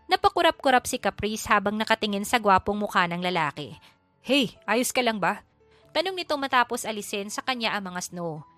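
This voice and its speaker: Woman storyteller, fairly high voice, measured scripted narration, faint music under. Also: pushed and bright, no echo.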